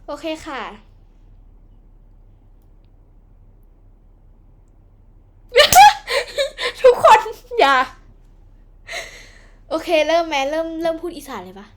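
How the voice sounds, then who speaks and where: A woman's voice: very high-pitched, moderate pace, long pauses. A woman hosting a gaming channel, chatting playfully in casual gameplay commentary with an Isan Thai accent and laughing often.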